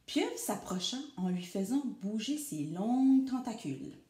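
A woman's voice: mid-range voice, sing-song, measured pace, mellow. A woman teacher reading a storybook aloud to children and asking them questions as she goes. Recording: echoey room.

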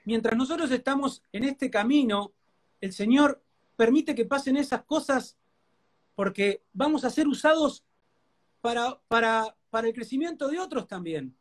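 A man's voice: very high voice, lively intonation, normal speed. A man with a Rioplatense Spanish accent shares a personal testimony during a live interview. He talks like a preacher, earnest and heartfelt. He repeats his words over and over for emphasis.

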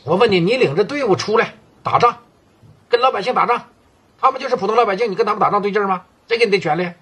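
A man with a Northeastern Mandarin accent voicing a stern, domineering middle-aged male gang boss who lectures loudly. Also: high-pitched, very animated, brisk, breathy edge, voice pushed up, heavily acted. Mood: scolding. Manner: scolding, raised and lecturing.

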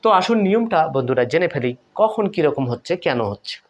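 Lively-pitched man teaching a lesson. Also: lo-fi sound. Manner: patient, repeats words slowly, addresses viewers as friends; emphatic, drawn-out example words. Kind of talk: Bengali pronunciation lesson.

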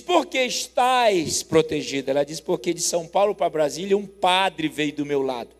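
Brazilian preacher guy, high voice, acts out the dialogue, big laugh, long church echo. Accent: Brazilian Portuguese. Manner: animated, acts out both sides of a dialogue, laughs loudly. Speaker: pastor. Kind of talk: sermon storytelling. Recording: long reverb of a church hall.

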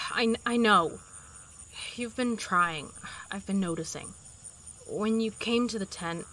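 A woman's voice: mid-range voice, slow, bright, forceful tone. A woman voicing a fierce, blunt companion in an audio drama, swearing and teasing, scared of losing a partner. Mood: soft, tender. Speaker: voice actor.

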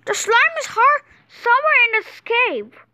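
Woman host, gameplay commentary, very high and bright voice, unhurried delivery, excitable and exclamatory. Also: no echo. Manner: excitable, exclaims often, restarts sentences.

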